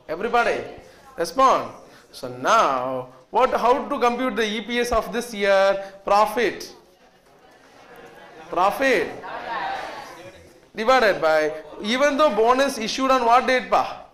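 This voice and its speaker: A South Indian-accented man lectures in a classroom with a very high voice. He is emphatic and repetitive, often checking that students follow. The room gives his voice a clear echo. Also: fairly bright tone. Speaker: accountancy teacher. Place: indoor classroom. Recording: echoey classroom sound.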